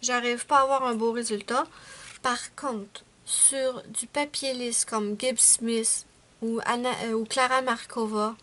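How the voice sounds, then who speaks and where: A woman with a Québécois accent, chatting casually and rambling warmly to her viewers as she shows her finished coloring pages. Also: on the high side, a little slow. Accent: Quebec French. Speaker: adult coloring channel host. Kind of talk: casual show-and-tell chat. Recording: clear steady background noise.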